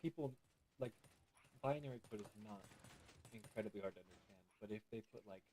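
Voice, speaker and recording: A man's voice: on the low side, brisk, warm tone, slight background noise, rough recording. A young adult man in casual chat, hesitant and full of "like", laughing easily.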